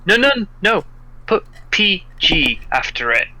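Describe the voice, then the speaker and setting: A man's voice: high-pitched, big pitch swings, a crowd in the background, poor audio. A Welsh man streaming, chatting casually and swearing while he jokes with a friend. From Wales. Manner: sweary, joking, quick banter.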